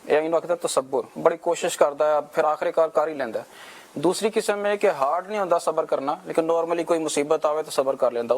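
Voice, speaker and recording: A man with a Punjabi accent explaining religious ideas on a talk show panel, dropping in English words. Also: fairly high pitch.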